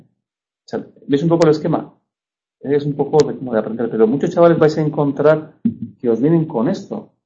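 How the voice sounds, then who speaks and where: A man's voice: medium pitch, mellow, lo-fi sound. A man with a Spanish accent from Spain giving a university lecture, explaining step by step and often checking that his listeners follow. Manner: explanatory, checks understanding with frequent tag questions.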